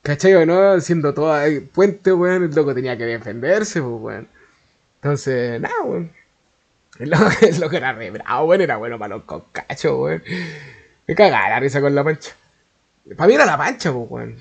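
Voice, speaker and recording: Chilean dude rambling thru a story, lots of slang n swearing, kinda high voice. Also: male voice, sing-song, normal speed, vocal fry, husky. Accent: Chilean Spanish. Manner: slangy, profane, rambling with frequent laughs. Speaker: YouTuber. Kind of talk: casual storytelling.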